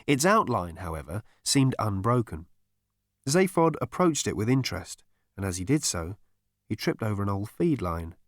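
A man reading a science fiction story aloud as a narrator, in measured storytelling. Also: on the low side, very animated, no room sound, clean studio sound. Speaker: audiobook narrator. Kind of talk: scripted narration.

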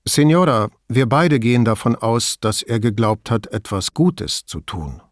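A man reading an audiobook, voicing a calm, polite middle-aged male police commissioner in a measured way. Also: medium pitch, no room sound, studio quality, close to an everyday voice. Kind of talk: audiobook dialogue.

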